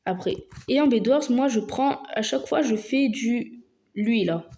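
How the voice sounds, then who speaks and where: A woman's voice: fairly high pitch, a little slow, warm tone. A woman hosting a gaming video, talking through her gameplay casually and hesitantly, with lots of fillers and restarts. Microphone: phone.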